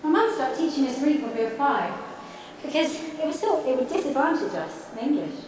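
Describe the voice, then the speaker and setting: A woman reciting a scripted personal monologue in a lively, expressive way. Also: sits high, a little fast, very echoey, distant mic, slight background noise, poor audio.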